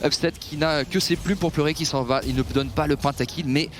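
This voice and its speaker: A man's voice: on the high side, fairly even intonation, brisk, slight background noise. A man giving analytical esports commentary, breaking down team fights and replays.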